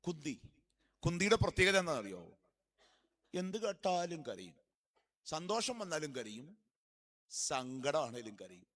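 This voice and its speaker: A male preacher with a high, ringing voice gives a church sermon during a feast. He fires off question after question to his listeners and answers each one himself. He drops to quiet, intimate murmurs and then rises to loud, urgent appeals. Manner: quizzes the congregation with rapid questions and answers them himself; swings from soft murmurs to loud exhortation.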